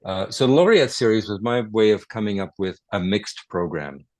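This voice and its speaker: An older man, a guitarist and record producer, telling stories in a relaxed interview with chuckles and self-corrections. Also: fairly low pitch, normal speed, no room sound. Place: his home.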